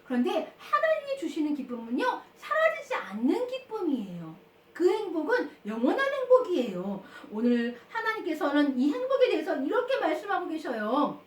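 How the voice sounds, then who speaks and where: A woman teaching a Sunday school class for children, telling stories in an animated, sing-song way. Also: very high voice, normal speed. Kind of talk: children's sermon. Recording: echoey room, far from the mic.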